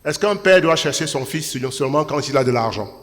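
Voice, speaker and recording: A man's voice: on the high side, animated, fairly quick. Man preaching in a reverberant church hall. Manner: emphatic preaching, drops to quiet storytelling. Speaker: pastor. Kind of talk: sermon. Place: large church hall at a Sunday service.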